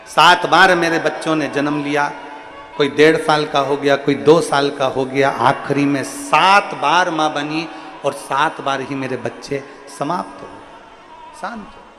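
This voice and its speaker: Dramatic man preaching in an echoing hall. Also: fairly high pitch. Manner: dramatic storytelling with sudden loud and soft swings. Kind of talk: live devotional sermon. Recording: echoey live hall with long reverb.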